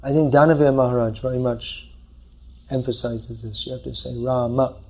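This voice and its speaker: A man teaching a scripture class, taking questions from the audience. He explains patiently and thinks aloud as he goes, at an ordinary pitch for a man. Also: steady tone, a little fast, gravelly, darkish tone.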